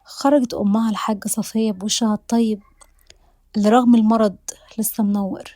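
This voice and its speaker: A woman with an Egyptian accent narrating a romance story in a soft, at times whispery way. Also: mid-range voice, steady tone, fast talker, no room sound. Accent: Egyptian Arabic.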